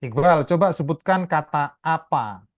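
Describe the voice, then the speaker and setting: A man lecturing a class over a video call, explaining step by step in a chatty way and often tagging his sentences with quick checks. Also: on the high side, animated, dry recording, muffled recording. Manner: chatty, explanatory, keeps adding tag questions. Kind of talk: online class talk.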